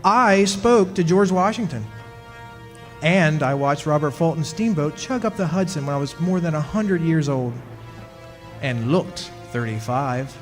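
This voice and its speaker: An actor on stage in a community club hall plays the wry, centuries-old henpecked husband of a witch in a radio play, narrating his story in the first person with measured dramatic style. His slightly high voice has lively intonation, and the mood is wry and reminiscent. The hall is echoey, with music behind him.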